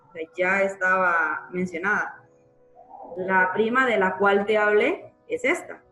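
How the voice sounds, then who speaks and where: A woman's voice: mid-range voice, steady tone, unhurried, sharp tone, echoey room, soft background music, poor audio. A woman teacher giving a live online grammar class, explaining patiently and checking in with frequent tag questions. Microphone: computer mic in a live online class.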